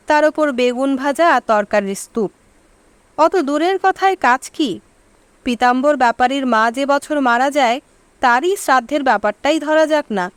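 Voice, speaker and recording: A woman's voice: high-pitched, clear, resonant tone, dry recording. A woman reading a short story aloud as an audiobook narrator, telling it expressively and lifting her voice for questions and quoted speech.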